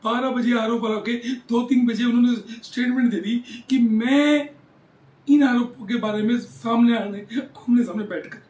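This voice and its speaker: A former local chairman from Haryana, India, speaks as a political interviewee with a very high, steady, slightly mellow voice at a normal pace. He drives his points home by repeating phrases for rhetorical effect, and the recording is roomy and echoing.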